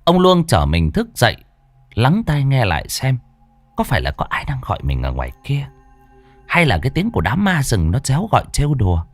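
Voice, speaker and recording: Male horror narrator, dramatic, lively pitch, dry close sound. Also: a little fast, no echo, faint music behind.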